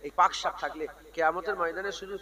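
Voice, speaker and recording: A man delivers a sermon in a high voice. He moves from conversational teaching into loud, sung chanting. A crowd is audible around him. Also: fairly even intonation, fast, rough recording. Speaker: preacher.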